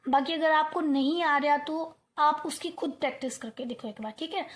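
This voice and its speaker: A woman's voice: high-pitched, moderate pace. A young woman teaching an online lesson, coaxing her students, repeating words aloud to drill the sounds and checking in often. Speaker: English teacher.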